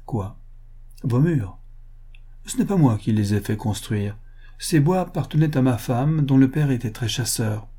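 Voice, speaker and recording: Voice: medium pitch, lively intonation, a little slow, mellow, slightly rough. A man reading the part of a reserved middle-aged count who answers in a dry, restrained way.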